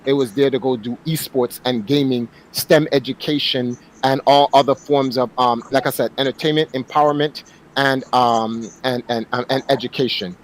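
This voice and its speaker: A man's voice: mid-range voice, fairly even intonation, moderate pace, low-quality recording. A man in his forties, a guest on a casual online panel, talking emphatically and often repeating words as he starts a thought. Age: 40s.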